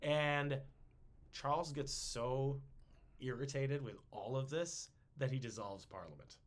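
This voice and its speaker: A man's voice: mid-range voice, slow. A man hosting a casual history podcast, joking around and slipping into silly voices. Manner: animated, jokey, puts on silly voices. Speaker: podcast host.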